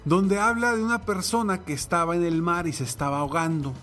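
A man's voice: high voice, fairly even intonation, a little fast, a bit bright, soft background music. A man giving a reflective motivational talk, telling a personal anecdote and a parable and asking the listener rhetorical questions. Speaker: motivational speaker.

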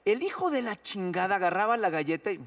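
A Mexican man co-hosting, his voice very high and bright, teasing with crude swearing. He sits back from the microphone. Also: expressive, fast talker. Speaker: co-host. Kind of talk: rowdy casual banter. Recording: distant from the mic.

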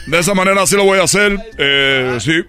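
A man's voice: on the high side, a little fast, sharp tone, faint music behind. A man voicing a flustered male caller who keeps saying "oye, chico", in a comedy parody skit. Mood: chummy. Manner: sing-song, exclaiming "oye, chico".

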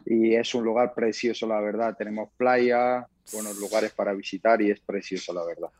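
A young man from Spain, a guest fighter answering interview questions in a calm, modest way. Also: on the low side, normal speed.

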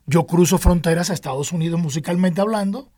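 A man's voice: high-pitched, fast, mellow, no room sound, studio quality. An older man from Cuba with a Cuban Spanish accent, a singer telling his life story in an interview, with many restarts and fillers. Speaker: guest singer.

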